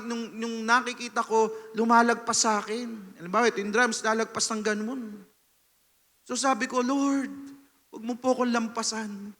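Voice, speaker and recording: A Filipino man preaching a sermon as pastor, telling a personal testimony with animated storytelling and frequent "no?" tag questions, swinging between loud and hushed. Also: high voice. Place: church hall. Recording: long reverb of a church hall.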